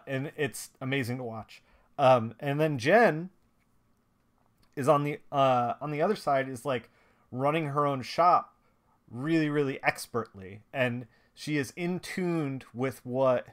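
A man's voice: mid-range voice, fairly bright tone. A man hosting a live stream, chatting casually in a rambling way with many restarts and filler words. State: watery eyes, sniffly. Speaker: streamer and comic colorist host.

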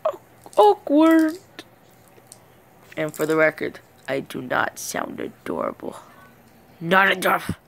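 Holding his phone at arm's length in a messy bedroom, a teen boy rambles playfully on his vlog, humming filler noises. His high, fairly bright, gravelly voice swings hugely in pitch and stays unhurried, with long pauses. A little hiss or hum sits under the recording.

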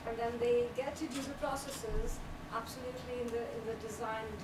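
A young woman with a fairly high, steady voice speaks a little fast, giving an earnest, explanatory presentation on technical writing at a small meetup and laughing lightly now and then. A far camera in a small, echoey room picks her up from a distance, with loud background noise.

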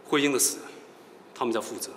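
An actor playing a suspicious widower who confronts the doctors in a sarcastic, combative way. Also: male voice, medium pitch, quick pace, fairly bright tone, lightly acted. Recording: echoey hall with ambient noise.

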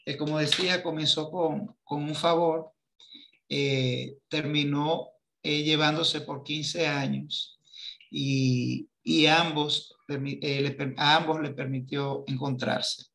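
A man in his fifties leads a film discussion over a webcam. His voice is gravelly and a little high for a man, and he talks very slowly, pausing often to find the next word. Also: fairly even intonation, pushed and bright. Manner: slow, hesitant, searching for words. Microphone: video call webcam.

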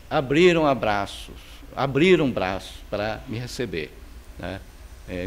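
A middle-aged man from China with a Chinese accent, giving relaxed interview answers about his painting, with many fillers and restarts, recorded on a handheld mic in his home studio. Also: mid-range voice, a little hiss or hum.

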